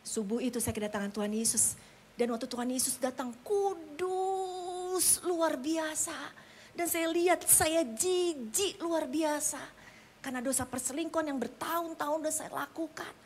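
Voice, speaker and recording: A woman voicing a remorseful husband who confesses his adultery, speaking slowly in a broken, ashamed way. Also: high-pitched, a little hiss or hum, close to an everyday voice. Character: remorseful adulterous husband, middle-aged man.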